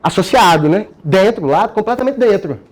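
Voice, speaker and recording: A man's voice: sits high, lively intonation, normal speed. A Brazilian man talking casually and energetically about how he prepares himself, with frequent tag questions and slang. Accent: Brazilian Portuguese. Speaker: course participant sharing his method. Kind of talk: casual explanatory talk.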